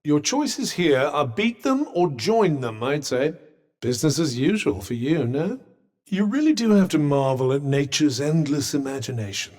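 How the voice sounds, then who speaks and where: Here the same sardonic British armband from the fantasy game talks at normal speed, his fairly high, darkish voice taking on a sing-song lilt. Haughty, wry and fussily cautious, this male companion offers formal understatement with dry condescension. A long reverb follows each line of his dialogue.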